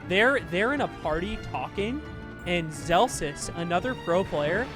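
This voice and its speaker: A man in a casual podcast chat, telling stories between laughs. His voice sits high for a man. Music runs clearly underneath him. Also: animated, unhurried. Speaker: podcast co-host.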